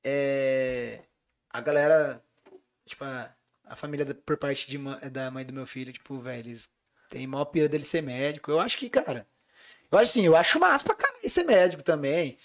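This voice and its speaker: A man's voice: mid-range voice, moderate pace. A man talking in casual, slangy chat as a musician guest, informal in manner.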